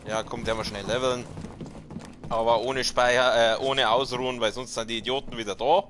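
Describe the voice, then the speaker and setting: A man's voice: mid-range voice, little pitch movement, normal speed, slight background noise. Man gaming, slangy and cocky. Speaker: let's player. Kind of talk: casual gaming commentary. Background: game music and effects.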